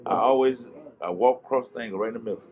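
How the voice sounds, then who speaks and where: Fast-talking man telling stories. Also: mid-range voice. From Charlotte, North Carolina. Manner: animated storytelling, swearing, slangy. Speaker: guest, rapper. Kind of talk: casual conversation.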